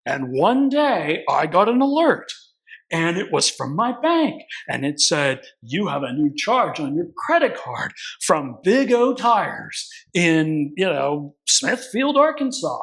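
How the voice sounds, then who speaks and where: A man's voice: on the high side, very animated, slow pace, fairly bright tone, heavily acted. A man putting on the voice of a stern, exasperated male magistrate judge who lectures the lawyer before him. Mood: lecturing. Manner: lecturing, exasperated, talks down to counsel.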